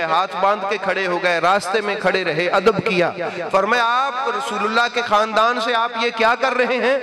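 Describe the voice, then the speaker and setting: A man gives a Friday sermon in a very high, ringing voice. He keeps asking the congregation questions and acts out little dialogues. The crowd is clearly heard around him. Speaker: preacher. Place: mosque. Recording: live sermon with crowd sounds.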